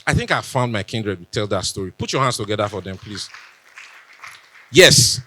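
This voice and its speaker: A man's voice: on the low side, big pitch swings, moderate pace, bright, forceful tone. A young Nigerian man with a Benin accent gives a chatty conference talk, joking and dropping into pidgin asides. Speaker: conference speaker. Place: conference stage.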